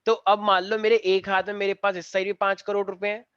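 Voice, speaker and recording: A man's voice: high voice, level tone, brisk, fairly bright tone. A man teaching chemistry to a class in a playful, teasing way, mixing English terms into his explanations. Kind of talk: classroom lecture. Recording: dull, slightly lo-fi dry sound.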